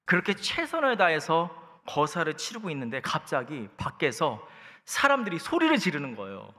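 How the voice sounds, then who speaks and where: Male pastor, 30s, animated and bright, church hall reverb, playful sermon storyteller. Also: a little high, moderate pace. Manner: lively storytelling with humor, addresses the congregation. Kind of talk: youth service sermon. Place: church sanctuary.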